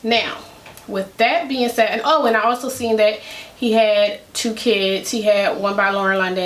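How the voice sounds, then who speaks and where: A woman's voice: mid-range voice, a bit bright. A woman vlogging from home, chatting casually and giving her opinion with rambling asides. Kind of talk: casual commentary to camera. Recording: echoey room.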